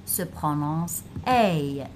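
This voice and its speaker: A woman teacher giving a phonics lesson to children, pronouncing each word slowly and carefully and repeating it for the class. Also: deep voice, lively intonation, darkish tone, a little hiss or hum. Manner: slow, carefully articulated, repeating words for pupils.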